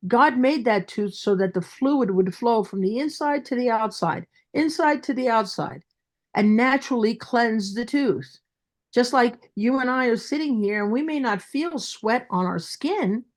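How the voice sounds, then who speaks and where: A woman's voice: fairly high pitch, expressive, unhurried. A woman with a Brooklyn accent speaking as a dentist guest in an interview, emphatic and repeating phrases for stress.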